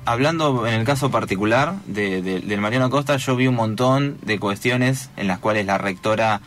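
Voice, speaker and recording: Hesitant Argentine man, lowish voice. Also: moderate pace, a bit bright. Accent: Rioplatense Spanish. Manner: hesitant, many fillers and restarts. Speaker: guest. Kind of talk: radio talk, recounting school events.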